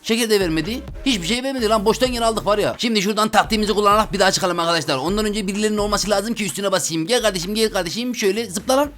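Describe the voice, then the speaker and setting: A young man hosting a game video, commentating his play, chatty and slangy with sudden loud exclamations. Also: sits high, racing, few pauses. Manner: excitable, loud outbursts and frequent exclamations; talks to viewers as friends, slangy. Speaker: gaming video host. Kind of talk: Roblox gameplay commentary.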